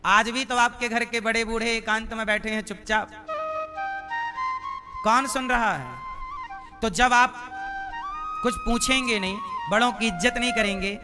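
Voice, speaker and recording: Guy preaching to a live crowd, kinda high voice, keeps repeating himself and quizzing them, music going underneath. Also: fairly even intonation, a little slow, pauses often, sharp tone. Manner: rhetorical questions, prompts the crowd to answer aloud; repetitive, emphatic teaching cadence. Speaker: preacher giving a religious discourse. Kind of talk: live devotional sermon to an audience.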